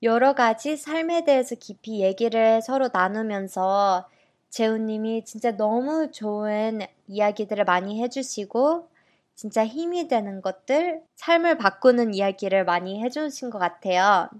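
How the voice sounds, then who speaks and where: A woman with a Korean American accent, speaking as a podcast host in a slightly halting way. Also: on the high side, animated. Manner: halting, self-conscious Korean mixed with English. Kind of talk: podcast introduction and interview.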